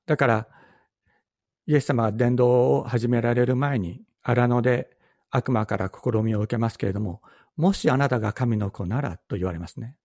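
A middle-aged man, a pastor, giving a Bible teaching sermon in a measured, explanatory way, repeating key phrases for emphasis. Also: mid-range voice, vocal fry, a little mellow, no echo.

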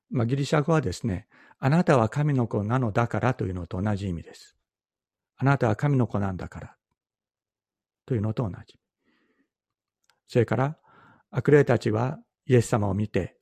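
A middle-aged man, a pastor, giving a Bible teaching sermon in a measured, explanatory way, repeating key phrases for emphasis. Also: medium pitch, gravelly, darkish tone, slightly rough, no echo.

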